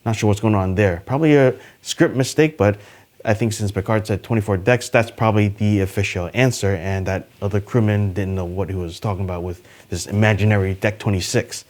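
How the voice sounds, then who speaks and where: A man's voice: brisk, darkish tone. A man hosting a casual trivia video, talking to the camera in an upbeat, chatty way with plenty of fillers. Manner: enthusiastic, pitch jumps on list numbers. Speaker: YouTube host.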